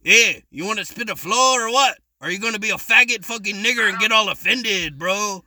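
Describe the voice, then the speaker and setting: High-pitched taunting young man. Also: fairly quick, sharp tone, slight background noise. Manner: taunting, mocking, repeats "bro" constantly. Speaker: online voice chat troll. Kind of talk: provocative voice chat banter.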